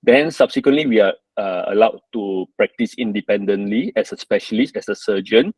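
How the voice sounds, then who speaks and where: Husky Malaysian-accented man, fairly low voice. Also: fairly quick, darkish tone, no echo, poor audio. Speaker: surgeon asking a question at a webinar. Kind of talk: hesitant, explanatory question in an online seminar.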